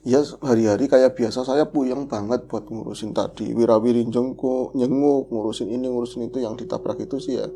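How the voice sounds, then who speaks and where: A man telling a horror story casually as a podcast co-host, lively and acting out the voices of the people in it. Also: medium pitch, a little fast, hardly any pauses, slight background noise.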